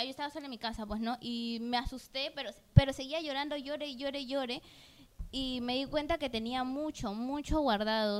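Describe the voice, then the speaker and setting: A woman's voice: sits high, clean tone. A woman co-hosting a podcast, speaking in earnest, open and personal long turns in casual conversation. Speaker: podcast co-host.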